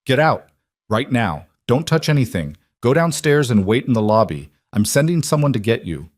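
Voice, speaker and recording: A man's voice: mid-range voice, very animated, normal speed, no room sound, studio quality. A man voicing a protective mafia boss in a read-aloud story, urgent and commanding.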